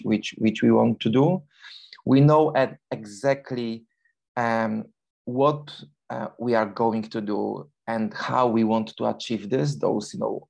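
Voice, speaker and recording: A man's voice: mid-range voice, gravelly, darkish tone. A man in his forties from Poland with a Polish accent, a guest in an interview who talks casually with many fillers and restarts. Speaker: guest, long-distance runner.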